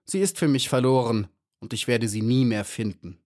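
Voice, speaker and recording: A man reading aloud, voicing a proud, rough male hornet guard with a blunt manner. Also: mid-range voice, normal speed, darkish tone, lightly acted. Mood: gruff.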